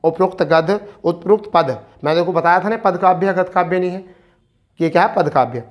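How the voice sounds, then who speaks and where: Male exam-prep tutor, a touch high-pitched, coaxing and repetitive, hurrying students toward the answer. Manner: coaxing, repeats "ठीक है" often; recites verse slowly and deliberately. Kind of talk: explaining a practice test.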